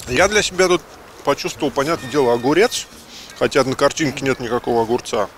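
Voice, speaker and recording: A man's voice: mid-range voice, fast talker, a bit bright, slight background noise. A man in his thirties chatting casually outdoors as a beer reviewer, blunt and swearing freely. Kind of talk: casual tasting chat. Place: outdoors in a city park.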